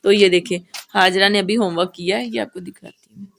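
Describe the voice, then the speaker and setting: A woman's voice: mid-range voice, steady tone, fairly quick, vocal fry, slight background noise. A woman vlogging at home as a mother, chatting casually and speaking straight to her viewers.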